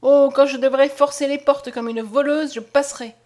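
A woman's voice: sits high, fairly even intonation, brisk, pitched above the performer's own voice, natural voice. A woman voicing a desperate young peasant woman who pleads tearfully in an audiobook. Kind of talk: audiobook character voice.

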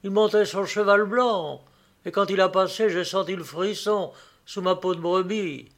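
A man's voice: high voice, moderate pace, a bit bright, pitched above the performer's own voice. A man voicing a frightened, superstitious coach driver, speaking with urgent awe. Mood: fearful.

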